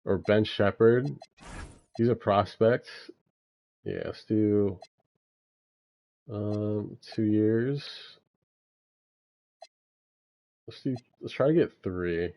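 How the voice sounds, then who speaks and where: A man's voice: on the low side, takes it slowly, long pauses, dull audio. A young man giving laid-back gameplay commentary, thinking aloud with frequent fillers as he manages a basketball franchise. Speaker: gaming YouTuber.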